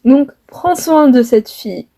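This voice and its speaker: Brief: kind quiet father, woman voicing, calm gentle advice, high voice. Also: measured pace, vocal fry, heavily acted. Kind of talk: homemade family skit.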